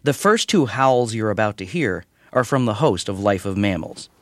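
A man's voice: on the low side, lively intonation, normal speed, no room sound. An American man delivering a scripted radio review as a television critic. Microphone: close studio microphone.

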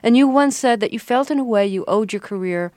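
A woman conducting a conversational interview, haltingly repeating words as she forms her questions. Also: a little high, darkish tone, dry recording, clean studio sound.

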